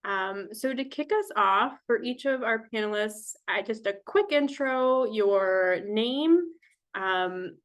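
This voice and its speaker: A woman's voice: a little high, slow. A woman moderating an online alumni panel, friendly and organized, with frequent ums as she introduces each speaker. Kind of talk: moderating a video-call panel.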